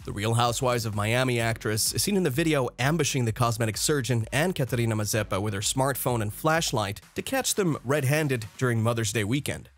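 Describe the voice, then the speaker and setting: A man reading a scripted celebrity gossip narration in a steady, even read-aloud delivery. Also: mid-range voice, a little fast, hardly any pauses. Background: faint background music.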